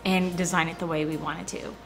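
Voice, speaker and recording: A woman's voice: on the low side, fairly even intonation, fairly quick, vocal fry, fairly bright tone, faint music behind, rough recording. A woman speaking conversationally as a customer giving a testimonial.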